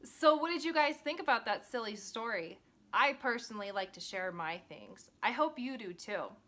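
A woman hosting a children's read-aloud, narrating a rhyming picture book in an expressive, child-friendly way. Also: fairly high pitch, moderate pace.

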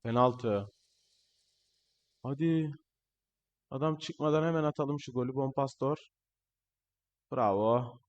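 A young man commentating his own football video game match, excitable and shouting at the players on screen, his voice a bit strained. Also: medium pitch, slow, pauses often, highs cut off. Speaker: gaming channel host. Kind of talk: live gameplay commentary.

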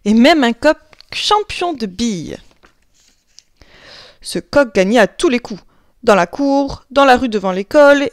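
A woman reading a children's picture book aloud in a lively, expressive storytelling voice, sometimes dropping to a whisper. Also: a little high, dry recording, studio quality.

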